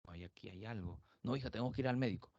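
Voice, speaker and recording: A stern, suspicious older hacienda father, read out by a male teacher in a low, gravelly voice. The recording is dull and dry, with a lo-fi sound. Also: racing, a little mellow, dry recording. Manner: reading quotes aloud in his teaching voice.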